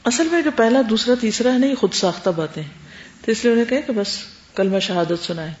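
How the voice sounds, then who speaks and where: A woman's voice: on the high side, expressive, a little mellow. A woman teacher lecturing her class, explaining points in short lists and rhetorical questions. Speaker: religious studies teacher. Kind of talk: classroom lecture answering students. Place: lecture room. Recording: roomy classroom, dull sound, faint hum.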